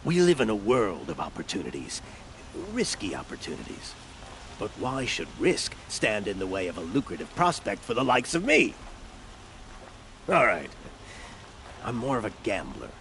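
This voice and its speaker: A man's voice: on the low side, wildly swooping pitch, moderate pace, long pauses, a bit bright, a little hiss or hum, heavily acted. An actor playing a greedy, shifty male merchant who wheedles, stammers and sells himself as an opportunist, in video game dialogue. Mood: scheming.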